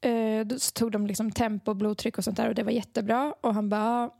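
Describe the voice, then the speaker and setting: A woman's voice: on the high side, flat delivery, creaky, warm tone, no echo, studio quality. A young woman in casual chat, animatedly telling a story, acting out the dialogue and laughing often. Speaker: podcast co-host, songwriter.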